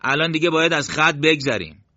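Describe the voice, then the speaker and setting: A young squad leader gives clipped, urgent orders in a raised, louder voice, as a male narrator puts him on. The recording is dull and lo-fi, with a dry sound. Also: mid-range voice, dry recording, voice pushed up, natural voice.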